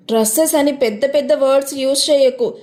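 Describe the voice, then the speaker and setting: A woman's voice: high-pitched, fairly quick, mellow, natural voice. A woman voicing a tired but loving young man in a romance audio story, whining about shopping and then sweet-talking. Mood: weary complaining. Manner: weary complaining, then romantic. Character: tired, fond young man, playful fiancé.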